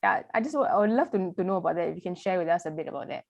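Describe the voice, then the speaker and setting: A woman's voice: lowish voice, animated, very fast, creaky, darkish tone, dry recording, highs cut off. A woman hosting an interview, asking long, chatty questions filled with "you know.". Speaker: interview host.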